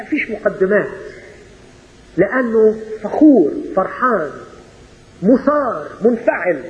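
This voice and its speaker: A man preaching a sermon with an Egyptian accent, asking his listeners rhetorical questions and swinging from loud exclamations to hushed, drawn-out words. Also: sits high. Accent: Egyptian Arabic. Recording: muffled sound in a reverberant hall.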